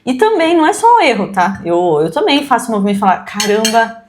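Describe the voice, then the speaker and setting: A woman's voice: a little high, big pitch swings, fast talker, a little mellow. A woman with a Brazilian Portuguese accent, a podcast host and mother, talking earnestly in casual conversation and acting out the quotes she tells. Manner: earnest, explains at length and acts out quoted speech.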